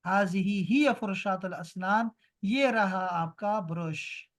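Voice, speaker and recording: A man teaching an online language lesson over a video call. He repeats each word slowly, explains it, then hurries through quick asides. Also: high-pitched. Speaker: Arabic teacher.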